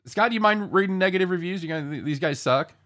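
A man's voice: sits high, fast, fairly bright tone. A man hosting a live sports betting show in casual, jokey banter, irreverent and given to casual swearing.

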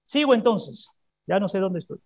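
A woman preaches a sermon to her congregation at a middle pitch. She is emphatic and repetitive, stacking up phrases and pausing to ask the listeners questions. She has them say lines back to her. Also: animated, darkish tone. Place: church service before a congregation.

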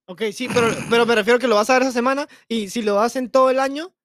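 A young man talks in rapid bursts of crude slang. His voice sits high and he argues his points in a loose podcast chat. The sound is dry and close, with no room around it. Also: steady tone, a bit bright, no echo. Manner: crude slang, fast, argumentative. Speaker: podcast co-host. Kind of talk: casual chat.

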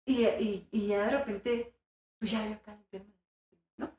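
A young woman with a Mexican accent, an animated storyteller who acts out the voices in her story. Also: mid-range voice, moderate pace, heavy reverb. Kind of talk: casual chat.

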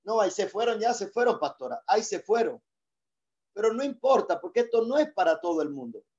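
A man's voice: sits high, big pitch swings, brisk, darkish tone, dull audio. A male pastor preaching a sermon, leading call-and-response and repeating key phrases for emphasis.

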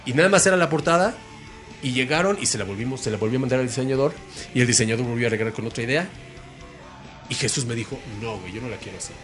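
A man's voice: medium pitch, quick pace, long pauses, fairly bright tone, faint music behind. A Mexican man, a guest musician, telling rambling stories in casual chat with many restarts. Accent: Mexican Spanish.

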